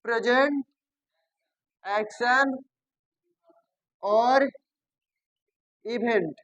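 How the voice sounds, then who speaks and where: Slow, repetitive male teacher. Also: very high-pitched, a bit bright, dry recording, muffled recording. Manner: repetitive, addresses students as babu and sir, asks and answers himself. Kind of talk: classroom grammar lesson.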